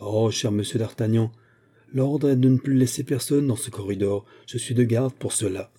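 A man reads a polite, apologetic royal secretary in an audiobook. He speaks gently and deferentially, with a dark, husky voice. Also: medium pitch, moderate pace, no room sound, close to an everyday voice. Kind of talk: audiobook reading.

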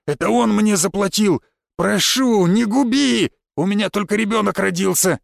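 A frightened, hulking arsonist, voiced by a male narrator begging for his life, his voice climbing high and strained. He pleads frantically and stumbles over himself in an audiobook. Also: normal speed, gravelly, dry recording, studio quality. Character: terrified burly male arsonist begging for mercy.

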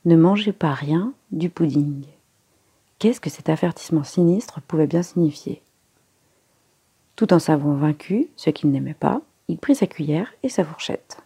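A woman reading a story aloud as narrator, lifting her voice for the characters' lines, with a husky tone. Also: expressive, unhurried, warm tone, no room sound. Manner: voices the characters' lines with raised pitch and force. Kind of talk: audiobook reading.

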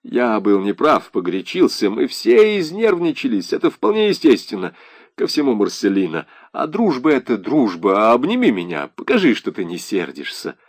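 A man reading an audiobook voices an excitable middle-aged Frenchman, a fervent patriot who yells in a thin, high voice. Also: normal speed, no echo, studio quality. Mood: pleading, careful. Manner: shrill, indignant shouting.

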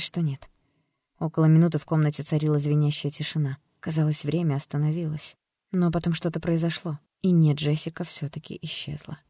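An even, measured audiobook narrator reading a psychological thriller chapter. The voice is mid-pitched and recorded dry and close, with no room sound. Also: dry recording.

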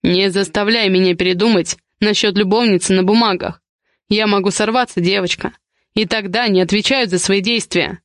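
A woman's voice: mid-range voice, steady tone, moderate pace, no room sound, clean studio sound, natural voice. A woman reading a domineering possessive man. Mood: menacing.

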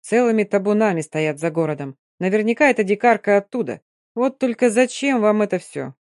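A man's voice: high-pitched, animated, brisk, dry recording, studio quality. A woman voicing a gloomy, wounded cavalry captain who talks curtly through clenched teeth, in an audiobook. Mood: mocking.

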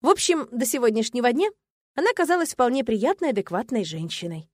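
Female audiobook narrator, fairly high, lively first-person read, dry sound. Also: brisk, no echo. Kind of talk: scripted narration.

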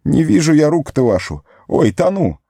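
A man's voice: very animated, moderate pace, warm tone, dry recording, clean studio sound. A man voicing a loyal, fretful young male hobbit servant in an audiobook, pleading and tearful in a raised voice. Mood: panicked. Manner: high pleading, sobbing, breathless. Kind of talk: audiobook character voice.

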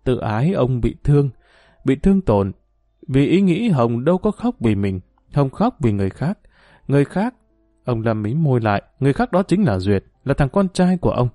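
A man narrating a story in a measured, emotive reading. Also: mid-range voice, big pitch swings, mellow, dry recording, studio quality, soft background music. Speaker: audiobook narrator.

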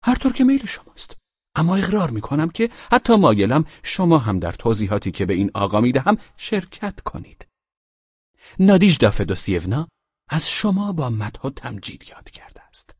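A man's voice: mid-range voice, wildly swooping pitch, husky, dry recording, lo-fi sound, voice pushed up. A man voicing a haughty, brash young man. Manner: measured and haughty. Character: arrogant bold young man about nineteen. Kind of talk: audiobook character voice.

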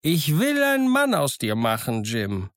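A man voicing a childlike, excitable old castaway sailor who has gone half mad alone, in an eager, wheedling, sing-song way. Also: fairly high pitch, a little slow, no echo, studio quality, pitched above the performer's own voice, exaggerated voice. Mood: excited. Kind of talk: audiobook character voice.

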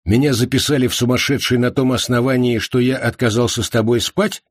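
A man voicing a calm, broad-shouldered man who speaks unhurried and slightly haughty. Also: mid-range voice, no room sound, studio quality, pitched above the performer's own voice, natural voice.

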